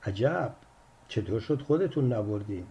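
A man's voice: on the low side, lively intonation, warm tone, a little hiss or hum. A man voicing a smiling, needling middle-aged woman doctor in an audiobook story. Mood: teasing. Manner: sly, teasing.

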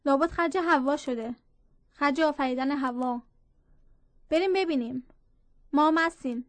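A woman's voice: high-pitched, lightly acted. A woman voicing a crowd of scornful, gossiping villagers who turn into a vengeful mob. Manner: scornful, jeering.

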